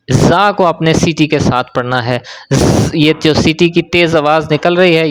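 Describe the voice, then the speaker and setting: A Pakistani man teaches a beginners' recitation lesson in a very smooth, clear voice that sits a little high. He explains how each letter is formed, then sounds it out slowly and more loudly for learners to copy. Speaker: Quran reading teacher.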